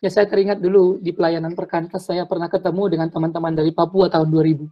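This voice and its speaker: Talking fast with a fairly high, flat-pitched voice, a man gives earnest answers like a sermon over a dull, lo-fi video call. Words get repeated and English phrases creep in.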